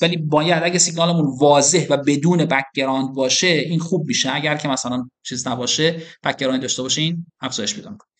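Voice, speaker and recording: Guy teaching a class, slightly high voice, keeps asking the students questions. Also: a bit bright. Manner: asks students questions, explains step by step. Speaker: university lecturer. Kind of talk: classroom lecture with screen demo.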